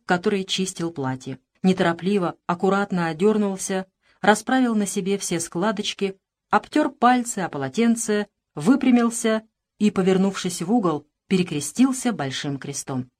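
Woman, audiobook narrator, measured, expressive, mid pitch, lively intonation.

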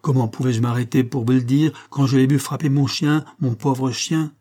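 A man reading aloud, voicing an indignant young noblewoman who rails in loud, raised outbursts. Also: medium pitch, fairly even intonation, normal speed, close to an everyday voice. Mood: impatient. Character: furious young noblewoman defending her dog.

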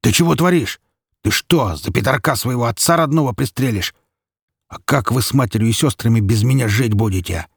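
A man's voice: mid-range voice, fairly quick, creaky, breathy edge, no echo, studio quality. Man doing a roaring foul-mouthed father. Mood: enraged. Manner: roaring and cursing. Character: brutal wounded middle-aged father, foul-mouthed.

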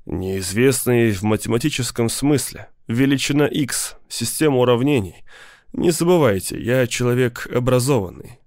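A man's voice: mid-range voice, animated, moderate pace, a little mellow, no echo, studio quality, natural voice. A man voicing a beaten, educated schoolteacher who speaks pedantically and chooses his words with care. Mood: careful. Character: educated middle-aged male schoolteacher, beaten, indignant.

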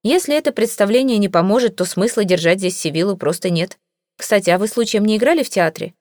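A woman voicing a composed, ironic gentleman detective. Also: medium pitch, fast talker, no room sound, lightly acted. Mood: dry.

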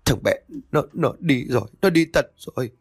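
A man voicing a young father stunned with grief, speaking in halting, broken-off phrases. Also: medium pitch, lively intonation, slightly rough, dry recording, studio quality, voice pushed up. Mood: grief-stricken.

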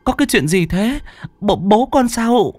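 A man's voice: high voice, lively intonation, a little slow, darkish tone, dry recording, voice pushed up. A man voicing a frightened young pregnant wife, stammering anxiously.

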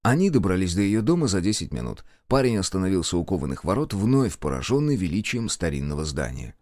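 Lively low-voiced male audiobook narrator. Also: fast talker, no room sound, clean studio sound.

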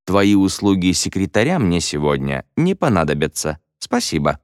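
A man's voice: low-pitched, sing-song, normal speed, dry recording, studio quality. A man voicing a good-humored male schoolteacher who jokes and teases his class in a wry, encouraging way. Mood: wry, teasing. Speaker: teacher.

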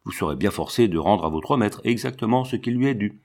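A man's voice: fairly low pitch, expressive, fairly quick, darkish tone. A man reading the part of an honest, earnest teenage boy in a storybook. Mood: indignant. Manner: earnest, firm.

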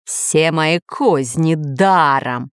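A woman's voice: sits low, moderate pace, no room sound, studio quality, lightly acted. A woman voicing a pompous, angry male villain lord in a children's audiobook, growling and snapping. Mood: furious. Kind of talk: audiobook character voice.

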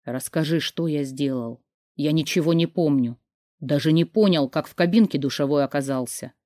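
A woman reading an audiobook voices the heroine's brother, a young man pleading in a quiet, guilty voice. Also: low-pitched, normal speed, dry recording, studio quality, close to an everyday voice.

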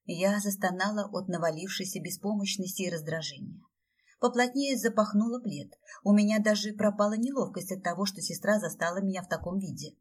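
Expressive woman audiobook narrator, husky timbre. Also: medium pitch, a little fast, far from the mic. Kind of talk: first-person fantasy audiobook narration.

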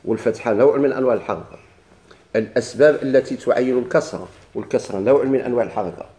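A Moroccan-accented teacher delivers a grammar lesson at a racing pace, his voice dark, mellow and pitched in an ordinary middle range. He asks a question, answers it himself, then repeats the point to hammer it home.

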